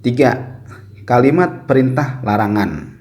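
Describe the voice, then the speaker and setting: A man explaining a grammar lesson slowly and deliberately. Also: mid-range voice, lively intonation, a little mellow. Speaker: teacher. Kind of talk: recorded lesson.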